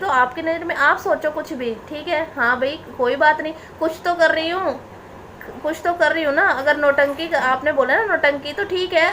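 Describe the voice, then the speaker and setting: A woman's voice: high-pitched, a bit bright, slight background noise. A woman in her thirties vlogging straight to camera, indignant and defensive, repeating her points as she answers critics. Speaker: family vlogger. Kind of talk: direct-to-camera vlog rant.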